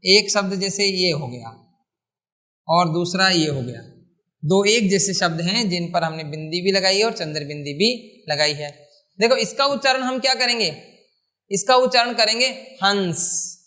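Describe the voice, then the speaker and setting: A man teaching Hindi grammar in a classroom lecture, asking questions and answering them himself, repeating key words slowly. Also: high-pitched, expressive, sharp tone. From India.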